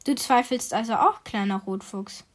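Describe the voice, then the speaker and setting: Woman voicing a gentle young princess. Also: a little high, normal speed, natural voice. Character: young kind hopeful princess.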